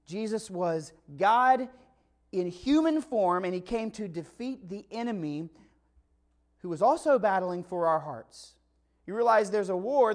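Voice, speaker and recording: A man preaching a conversational Christmas sermon, emphatic and full of rhetorical questions. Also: high-pitched. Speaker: pastor.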